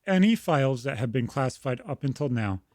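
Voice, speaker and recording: A man's voice: medium pitch, animated, brisk, darkish tone, no echo, clean studio sound. Blunt, swearing podcast man. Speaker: podcast co-host. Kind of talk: casual political chat.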